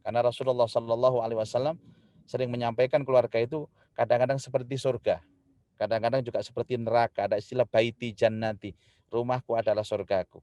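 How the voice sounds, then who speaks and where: A man giving a lively Islamic sermon to an audience, swinging from loud emphatic lines to quiet ones and addressing the listeners directly. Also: mid-range voice, fast, dry recording. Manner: lively, rising loud when building a point, then dropping soft; addresses the audience directly, acts out spouses' quarrels. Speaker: preacher.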